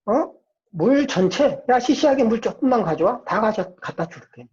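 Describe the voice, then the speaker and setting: His pitch is extremely high, yet the tone is darkish and expressive, delivered at an ordinary pace. This man lectures informally on psychology, firing off rhetorical questions he then answers. The lo-fi recording sounds muffled and dull.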